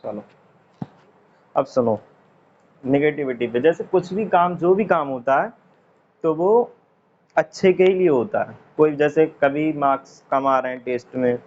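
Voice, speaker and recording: A man's voice: on the high side, animated, darkish tone. Chatty male teacher drilling pronunciation. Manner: chatty, repeats words slowly for pronunciation. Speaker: English teacher. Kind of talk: casual classroom lesson. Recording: dull lo-fi sound, faint noise.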